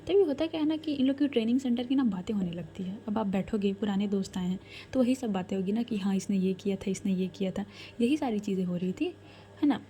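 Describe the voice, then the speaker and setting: A woman tells a story in a loose, chatty way, speaking directly to her listeners. Her voice is mellow and relaxed. A faint noise sits behind her. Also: mid-range voice, quick pace. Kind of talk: casual spoken storytelling.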